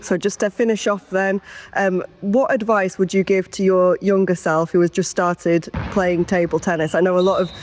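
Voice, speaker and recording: A woman's voice: on the low side, little pitch movement, normal speed, a little mellow. A woman hosting a podcast, asking players questions in an upbeat way and laughing easily. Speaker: podcast host. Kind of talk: interview questions and podcast outro.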